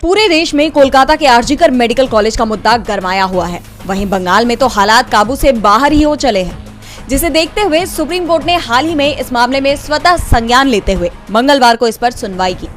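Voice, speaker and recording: A woman with a high-pitched voice narrates a scripted news report. She speaks as a reporter in voice-over, with music playing faintly underneath. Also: fairly quick. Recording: music bed behind the voice.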